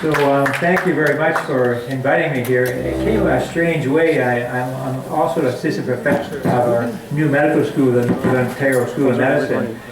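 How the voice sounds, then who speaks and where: A middle-aged Canadian family physician, appearing as guest speaker at a community forum, gives a chatty public talk full of restarts and fillers. His mid-range voice keeps a steady tone and moves briskly with few pauses. Captured on a handheld mic by a distant camera in an echoey community hall meeting room, the audio is very noisy.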